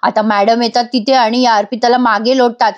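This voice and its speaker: A woman narrating an episode recap in a voice-over, telling the story with lively exclamations and speaking to viewers. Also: a little high, brisk, muffled recording. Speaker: TV show reviewer.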